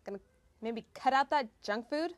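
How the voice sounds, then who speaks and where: Performing a scripted mock TV news report, a woman plays a field reporter for a college's comedic promo newscast with an exaggerated, peppy delivery. Her voice sits high and smooth, with lively intonation at a moderate pace.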